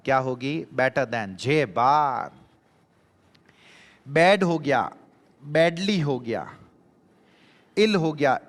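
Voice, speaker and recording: Animated male teacher. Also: on the high side, long reverb tail. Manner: animated, repeats key phrases and quizzes students. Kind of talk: exam-prep grammar lesson.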